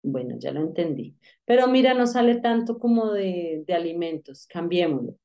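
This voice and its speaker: A woman teaching English in a relaxed lesson, repeating words and explaining pronunciation. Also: lowish voice, normal speed, lo-fi sound. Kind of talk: casual online English lesson.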